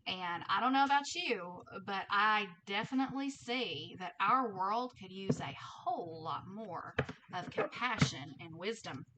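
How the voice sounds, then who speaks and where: Slow-talking woman with a thick Southern accent. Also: medium pitch, expressive, noisy background. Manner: conversational, with frequent check-in tags like 'okay?' and 'right?'. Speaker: tarot reader and host. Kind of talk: casual tarot card reading to camera.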